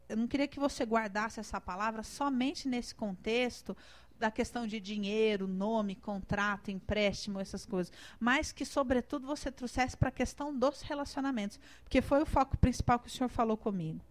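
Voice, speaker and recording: High-voiced woman preaching with a Brazilian accent. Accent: Brazilian Portuguese. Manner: conversational and emotional, acts out her prayers. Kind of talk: sermon with personal testimony.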